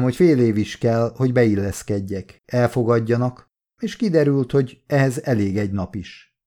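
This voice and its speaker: A man voicing a slim young male office newcomer who curses quietly, then shouts and jokes it off. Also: fairly low pitch. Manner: swearing under his breath, then shouting and laughing it off. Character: slim young man, new office worker, quick-tempered but good-humored.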